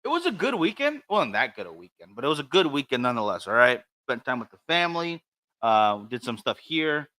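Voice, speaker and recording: A man's voice: medium pitch, expressive, brisk, pushed and bright, no room sound. A man co-hosting a livestream in casual chat, with dry, teasing grumbles. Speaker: co-host of a cigar show.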